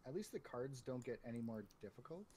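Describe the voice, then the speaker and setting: A man's voice: medium pitch, lively intonation, brisk, mellow. A man in a mid-range voice explains board game rules in a plain, matter-of-fact way during a casual stream. A faint hiss of noise sits under his voice. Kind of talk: casual chat while learning a board game.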